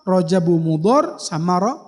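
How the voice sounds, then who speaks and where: A man's voice: sits high, expressive, unhurried, darkish tone. A man giving a folksy mosque sermon, explaining Arabic terms and spelling them out. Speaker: preacher. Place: mosque hall. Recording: long hall reverb in a mosque.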